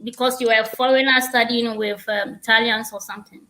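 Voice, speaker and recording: A woman's voice: a little high, fairly even intonation, brisk, rough recording. A woman hosting an interview series over a video call, upbeat and eager. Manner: upbeat, eager, with warm laughter. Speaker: host.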